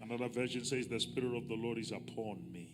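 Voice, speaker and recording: A bishop preaching a sermon at a pulpit microphone, moving between calm teaching and loud, shouted climaxes. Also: male voice, medium pitch, quick pace. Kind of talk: sermon, mixing English and Sesotho. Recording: music playing behind.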